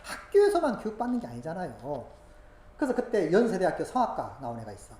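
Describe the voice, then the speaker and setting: A woman preaching a sermon full of personal testimony, swinging from hushed asides to loud, emotional exclamations. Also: fairly low pitch, huge pitch swings, fast. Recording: roomy echo, faint background noise.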